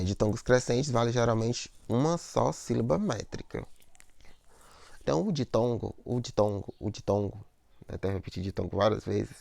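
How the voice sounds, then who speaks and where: A man with a gravelly, mid-pitched voice teaches a lesson on poetic meter. He explains patiently, repeats himself and keeps checking in with his listeners. The recording is dry and close. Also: darkish tone, no echo. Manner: explanatory, repeats words, frequent "né?" and "ó".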